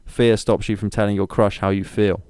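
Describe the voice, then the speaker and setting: A man putting on a disguised deep voice to play a menacing male demon, reading a taunting letter slowly and deliberately. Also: level tone, a little mellow, clean tone, dry recording, studio quality, natural voice. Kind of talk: dramatic reading of a creepy story.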